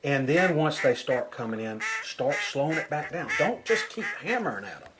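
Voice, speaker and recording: A man's voice: fairly high pitch, big pitch swings, normal speed, very noisy. A man working as an instructor, explaining technique informally, step by step and with examples. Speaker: duck-calling instructor.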